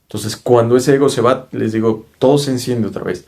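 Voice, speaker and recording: A man's voice: mid-range voice, fairly even intonation, fairly quick, creaky, a little mellow. A man with a Mexican accent earnestly recounting a personal spiritual experience, often checking in with his listeners with tag questions. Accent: Mexican Spanish. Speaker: spiritual speaker. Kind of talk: personal storytelling monologue.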